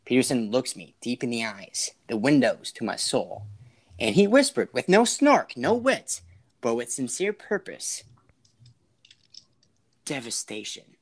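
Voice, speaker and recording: A young man co-hosting a podcast, telling a story in a dramatic, deadpan way. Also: mid-range voice, a little slow. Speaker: podcast co-host. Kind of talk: casual storytelling.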